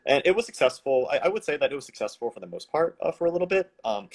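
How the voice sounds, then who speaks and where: A man's voice: a little high, sing-song, very fast. A man in his thirties from the San Francisco Bay Area answering interview questions over a video call, rambling casually with many fillers and restarts. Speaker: guest, company founder.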